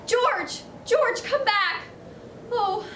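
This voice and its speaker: A woman plays a kindly, slightly flustered male guardian angel on a stage, coaxing in a high voice. The sound is roomy and picked up from far off, with a steady hiss of noise underneath. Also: measured pace. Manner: patient, coaxing, a little flustered. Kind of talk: amateur stage acting. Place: theatre stage. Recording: echoey stage heard from afar, noisy.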